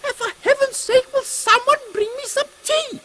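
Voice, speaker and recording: A man's voice: very high voice, moderate pace. A man voicing a haughty, theatrical queen who declaims grandly in a steampunk audio comedy. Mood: brisk, regal. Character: imperious, theatrical, excitable Queen Victoria, commanding secret agents. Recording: loud airship engine noise behind.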